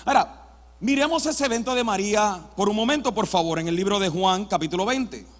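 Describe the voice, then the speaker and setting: A man, a pastor preaching a sermon with dramatic, animated storytelling. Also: sits high, a little fast. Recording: long church-hall reverb.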